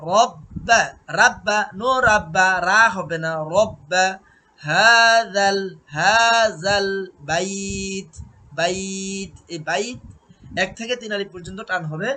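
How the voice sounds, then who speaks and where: A man teaching Quran recitation, drilling syllables with long drawn-out chanting and patiently correcting pronunciation. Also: high-pitched, sharp tone. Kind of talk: slow recitation lesson. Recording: faint background noise and clicks.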